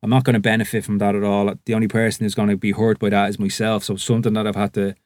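A low-voiced man hosting a podcast in an easygoing chat. He tells his stories loosely and swears now and then. His voice sounds dry and close. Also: racing, no echo. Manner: relaxed storytelling, swears freely. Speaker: podcast host. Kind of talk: casual conversation.

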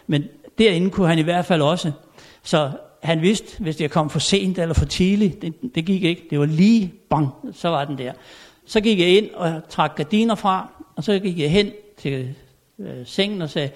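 An older man in a somewhat higher register tells stories from his years as a royal valet. He speaks to an audience at a country inn and acts out the dialogue he quotes. His delivery is hesitant, with frequent pauses. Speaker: former royal valet giving a talk. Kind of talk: anecdotal storytelling lecture.

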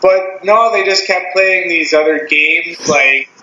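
A man's voice: a little high, slow, bright, forceful tone. A man co-hosting a casual podcast, telling a funny story with laughs and swearing. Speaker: podcast co-host. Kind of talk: casual chat. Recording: roomy, dull lo-fi sound with faint hiss.

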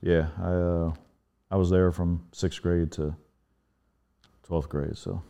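A man from Northern Virginia, a podcast guest, talking in a laid-back, halting way with lots of fillers. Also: low-pitched, little pitch movement, vocal fry, dark tone, clean tone. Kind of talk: casual interview chat.

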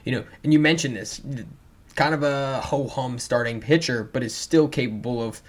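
A man's voice: mid-range voice, normal speed. A man co-hosting a sports podcast, talking in a loose, chatty way with fillers and restarts. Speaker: podcast co-host. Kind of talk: casual sports podcast chat.

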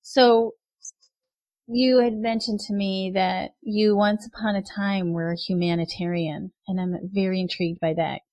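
A woman's voice: medium pitch, fairly even intonation, a little slow, a little mellow, no echo. A woman hosting an interview podcast, asking questions in an upbeat, eager way and laughing often. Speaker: podcast host.

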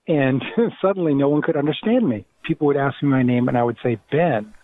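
A middle-aged man with a Rhode Island accent, reminiscing in a relaxed, rambling way as an interview guest. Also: mid-range voice, fast talker. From Providence, Rhode Island. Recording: tinny phone line with faint hiss.

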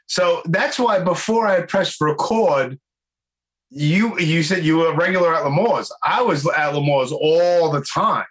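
A man in his forties with a Brooklyn accent, hosting a podcast interview in an excitable, slangy, casual way. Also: a little high, measured pace, rough recording. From Brooklyn, New York. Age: 40s. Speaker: podcast host.

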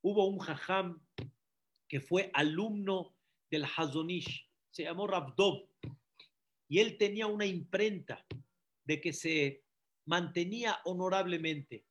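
A rabbi delivers a sermon in a high voice, unhurried and deliberate. He preaches with emphasis, pausing on rhetorical questions to his listeners. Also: fairly bright tone. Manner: acts out voices of people in his stories.

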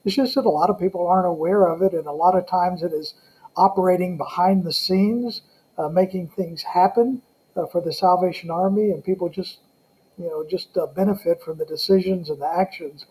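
A man with a Southern US accent speaks in a high, mellow voice. He gives conversational answers as an interview guest, often pausing and hesitating as he goes. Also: fairly even intonation, poor audio. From Southern United States. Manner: halting, with frequent hesitations. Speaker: guest, Salvation Army colonel.

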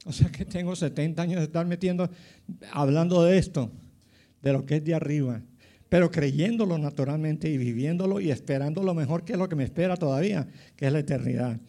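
Elderly pastor in his nineties, mellow and slightly high voice, rambling testimony. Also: fairly quick. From Colombia. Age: 90s. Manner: rambling, with many fillers and asides to listeners. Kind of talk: personal testimony, casual storytelling.

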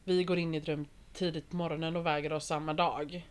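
A young woman with a slightly low voice, chatting casually. She is expressive, laughs often and swears in passing. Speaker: reality show contestant. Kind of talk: casual podcast chat.

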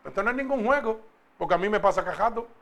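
A man preaching a sermon, talking with the congregation and asking them questions, then slowing down and stressing each word when he reads scripture. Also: sits high, lively intonation, fairly bright tone. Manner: slow, emphatic when reading scripture.

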